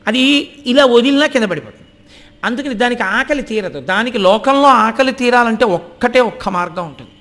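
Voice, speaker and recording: A middle-aged man giving a devotional storytelling discourse, animated and speaking straight to his listeners. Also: extremely high pitch, brisk. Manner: animated, addresses listeners directly, acts out voices and chants Sanskrit verses.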